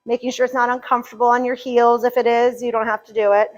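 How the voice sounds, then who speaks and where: Woman, high voice, chair yoga instructor, upbeat and joking, slightly out of breath. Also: flat delivery, fast, faint music behind, poor audio. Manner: upbeat, joking, counting reps aloud. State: a little out of breath. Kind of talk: live fitness class instruction.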